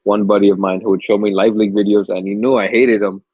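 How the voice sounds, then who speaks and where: Fast-talking and husky, this young podcast co-host has a fairly low, level voice. He's stuffy with a cold and feeling under the weather, yet stays laid-back, cursing freely as he spins rambling stories in casual conversation. The audio is narrow and tinny with no echo.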